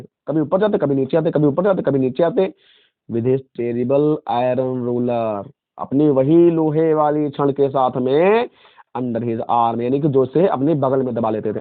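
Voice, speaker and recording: A man's voice: mid-range voice, dry recording. Man teaching over tinny, phone-like audio. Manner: reads English lines slowly, then explains them in Hindi, repeating phrases; calls students "beta" and "friends". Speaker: English teacher. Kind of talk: line-by-line lesson explanation.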